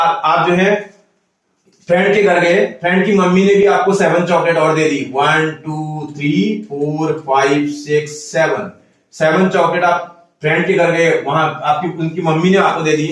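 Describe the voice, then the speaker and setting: A man's voice: fairly high pitch, recorded from a distance. A man teaching a maths lesson, patiently counting aloud and talking to the student as if to a child. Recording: echoey room, voice away from the mic.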